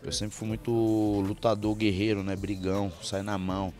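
With a lowish, darkish voice and a completely flat delivery at normal speed, a young fighter from Bahia, Brazil, does a casual press-backdrop interview. The interviewer holds the handheld mic while he confidently boosts himself.

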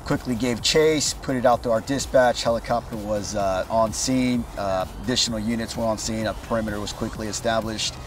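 A middle-aged male police officer recounting an incident to camera in formal, halting police wording, outdoors. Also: on the low side, steady tone, recorded from a distance, background noise. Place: outdoors at night by a patrol car.

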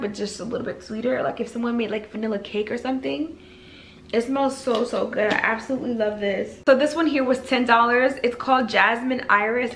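In a casual home haul clip, a young woman in her twenties, a beauty vlogger, enthusiastically shows off candles in her living room and can't stop gushing. Her voice leans high, and a slight hiss or hum can be heard.

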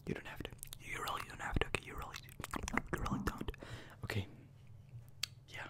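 A young adult man creating ASMR videos whispers up close into a desk microphone with a foam windscreen, repeating words and short phrases over and over. He is indoors in a small bedroom, speaking a little fast with a sharp tone.

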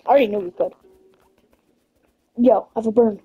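A woman's voice: a little high, brisk, husky, dull audio, faint music behind. A woman in loose, slangy chat while playing a football video game with a friend. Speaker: gamer. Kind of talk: casual gaming chat.

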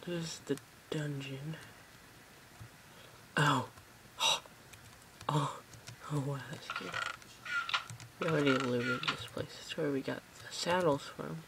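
Gravelly, rambling gameplay host. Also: medium pitch, fairly even intonation, slow, long pauses, noisy background. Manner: chatty, rambling, talks to viewers. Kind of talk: casual gameplay commentary. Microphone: phone camera pointed at a screen.

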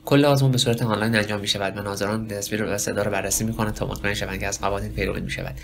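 A man teaching a spoken lesson for test preparation, talking slowly in broken phrases and asking himself questions. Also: on the low side, fairly even intonation, vocal fry, a little hiss or hum. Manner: slow, halting delivery with many pauses and self-questions. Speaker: English test prep teacher.

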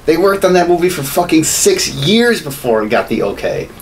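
A man in his thirties co-hosts a podcast, ranting casually and profanely about games and movies in a small home studio room. His voice is on the high side with big pitch swings at a moderate pace, and the room recording is clearly noisy.

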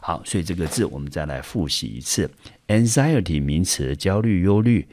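Male teacher, Taiwanese-accented Mandarin, deep low voice, dry close recording, patient step-by-step explanations. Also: big pitch swings, moderate pace, a little mellow, no echo. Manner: patient, repeats words and fills with "好" and "呢". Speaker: high school English teacher. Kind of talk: vocabulary lesson explaining word by word.

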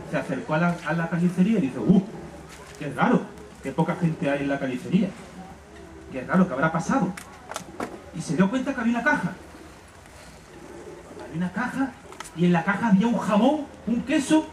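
An animated storyteller from Spain entertains children, his fairly high voice bouncing up and down as he stops and restarts. He sounds far from the mic in an echoey room, and a crowd murmurs behind him. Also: noisy background. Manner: animated, halting narration with restarts. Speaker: storyteller and author. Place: live storytelling session.

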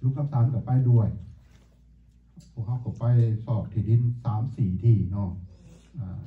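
A lower-voiced man gives a sermon in a halting way, pausing often and filling gaps as he speaks to his congregation. He sounds distant from the mic in an echoey room. The sound is thin and tinny, much like a phone line, with faint background noise. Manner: halting, many pauses and fillers, addresses the congregation as brothers and sisters. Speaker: pastor.

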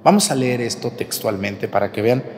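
A man, a priest, giving a lively homily, retelling a Bible story and asking his listeners questions. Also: medium pitch, moderate pace, long reverb tail.

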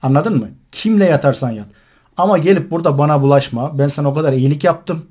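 A man's voice: fairly high pitch, fast, darkish tone, breathy edge. A male online host mocking and scolding someone while commenting on a recording he plays. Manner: mocking, scornful and indignant.

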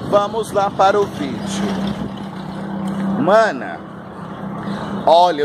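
Campy young man gossiping on the street. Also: a little high. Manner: flamboyant, campy, dramatic gossip with drawn-out words. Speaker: vlogger. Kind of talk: gossipy storytelling vlog. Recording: loud street noise and traffic.

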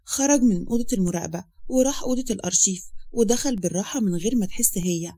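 Egyptian woman, story narration, very fast, mellow dark tone. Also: medium pitch. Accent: Egyptian Arabic.

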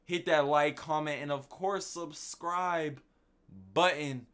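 A man's voice: fairly high pitch, fairly even intonation, takes it slowly, a bit bright, clear, resonant tone. A man giving slangy, laid-back reaction commentary as a streamer, talking at the screen.

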